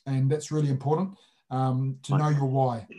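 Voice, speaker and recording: A man's voice: mid-range voice, flat delivery, normal speed, warm tone. Blunt, jokey man, broad Kiwi accent. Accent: broad New Zealand. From New Zealand. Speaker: sports referee, interview guest. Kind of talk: casual interview chat.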